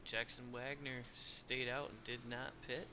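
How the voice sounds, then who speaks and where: A weary man calls the laps of a sim race in a flat, even voice that picks up when the cars bunch up. Engine noise and a steady hum sit clearly behind him. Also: mid-range voice, measured pace. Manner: steady play-by-play, rising when racing gets close. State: tired, yawning. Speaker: race commentator. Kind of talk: sim racing play-by-play commentary.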